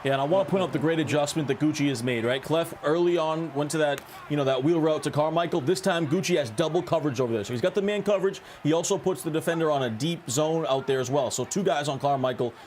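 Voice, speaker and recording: A man with a slightly higher voice gives live color commentary on a football video game tournament. He picks apart routes and coverages in an analytical way, while a faint hiss sits under the mic. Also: quick pace, few pauses, a little mellow. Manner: analytical, breaks down plays.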